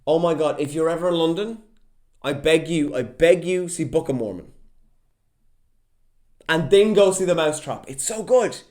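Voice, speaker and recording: A young man hosting his own podcast in a casual solo chat, lively and chatty, slipping into quick mock voices. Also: fairly high pitch. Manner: chatty, animated, drops into mock impressions. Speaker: podcast host.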